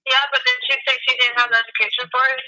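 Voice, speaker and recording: A woman on the phone in casual chat, asking short probing questions and giving quick advice. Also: a little high, little pitch movement, sharp tone. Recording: dull phone-line sound.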